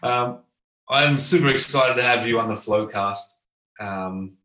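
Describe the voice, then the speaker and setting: A man hosting a conversational podcast interview in an earnest, halting manner. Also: mid-range voice, sharp tone. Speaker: podcast host. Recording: roomy echo.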